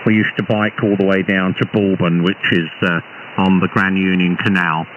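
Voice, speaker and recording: Over a muffled, noisy shortwave ham radio signal, a British amateur radio operator chats casually through a radio transceiver. His low voice is flat, and he speaks haltingly and hesitantly, with repeated false starts.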